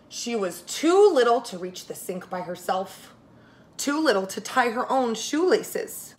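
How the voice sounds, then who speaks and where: A preschool teacher with a medium-pitched voice reads a story aloud to young children. She is expressive and addresses them directly.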